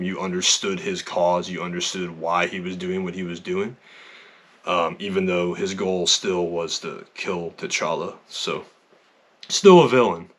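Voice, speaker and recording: Low-voiced man casually reviewing a film. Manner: conversational, lots of fillers, animated. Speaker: movie reviewer.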